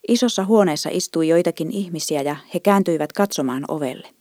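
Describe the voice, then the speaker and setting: Low-voiced woman reading a story. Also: mellow, no echo, clean studio sound. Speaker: narrator.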